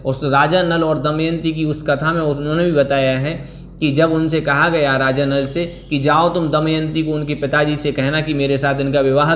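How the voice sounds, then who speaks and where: A man teaches an online class on scripture. He recites each verse line slowly, stretching out the syllables, and then explains the meaning in a measured lecturing manner. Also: fairly high pitch, a bit bright.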